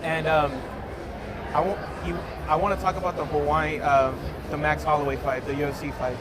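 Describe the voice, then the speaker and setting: A man with a somewhat high voice hosts a casual interview in a busy public part of a casino. His delivery is flat and at normal speed, and he rambles, full of fillers, repeats and restarts. Loud background noise fills the recording.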